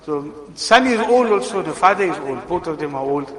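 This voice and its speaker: A man giving a sermon, telling moral stories in an animated way and acting out the people he quotes. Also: fairly high pitch, moderate pace. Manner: animated, acts out quoted characters. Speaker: preacher. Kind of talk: sermon storytelling. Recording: long hall reverb.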